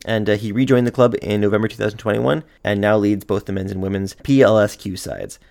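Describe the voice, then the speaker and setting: A man hosts a podcast in an upbeat, chatty way, with plenty of casual fillers. His voice sits somewhat low. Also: flat delivery, fairly quick, gravelly, a little mellow. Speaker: podcast host. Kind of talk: podcast intro and interview.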